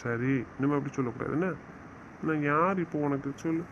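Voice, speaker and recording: In an audio drama, a man voices a stern but loving young husband who scolds, lectures, then coaxes. His pitch is fairly high, his pace a little fast, and his acting light. The dull lo-fi track carries faint noise.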